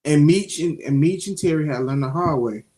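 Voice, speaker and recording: A young man, co-hosting a casual show review and telling stories in an animated, streetwise way, swearing freely. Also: fairly high pitch, moderate pace. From Jacksonville, Florida (Duval). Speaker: podcast co-host.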